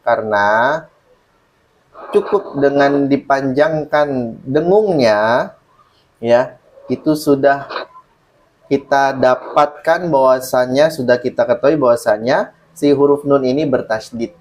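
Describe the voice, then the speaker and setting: A man's voice: mid-range voice, measured pace. A man teaching Quran recitation in an online lesson, patiently explaining rules and reciting examples, often checking that the student understands.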